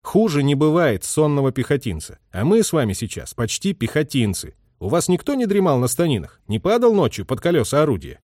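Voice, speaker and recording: A man's voice: fairly high pitch, a little fast, hardly any pauses, no room sound. A man doing a weary, commanding army captain. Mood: dry. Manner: calm, dry, authoritative.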